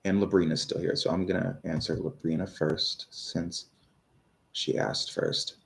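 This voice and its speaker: A man in his thirties reads tarot live in a deep, flat voice with vocal fry, at normal speed. He speaks to his viewers and reads their questions aloud, rambling, swearing and restarting with lots of fillers.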